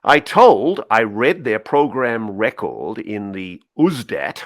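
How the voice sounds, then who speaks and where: A co-host reads a part in a dramatic cold reading of a memo transcript, playing a guarded senior admiral who recounts secrets in clipped phrases. His lowish voice is exaggerated, with big pitch swings and a slow pace, recorded in studio quality with no echo.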